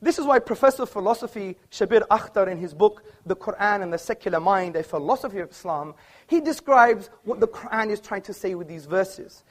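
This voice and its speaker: A man's voice: high-pitched, expressive, brisk. Guy arguing hard at a debate, emphatic, on stage mic in an auditorium. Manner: emphatic, argumentative, quoting books. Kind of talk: debate opening speech. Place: auditorium before a live audience.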